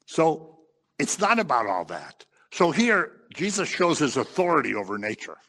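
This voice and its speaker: A man delivers a sermon in an easy, conversational tone. He preaches with animation and slips into quick acted voices for the people in the passage he explains. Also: on the high side, big pitch swings, bright, forceful tone. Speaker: pastor.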